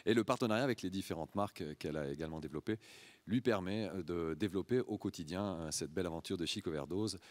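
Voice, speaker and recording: Deep-voiced man introducing a speaker. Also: fast talker, no echo. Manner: hesitant, frequent fillers. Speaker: event presenter. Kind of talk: stage introduction. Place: conference stage.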